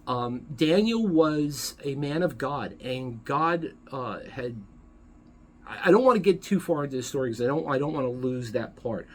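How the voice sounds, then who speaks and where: Husky-voiced man teaching a Bible lesson. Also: medium pitch, lively intonation. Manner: conversational and halting, many fillers and self-corrections. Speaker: pastor teaching a Bible study. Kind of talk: sermon.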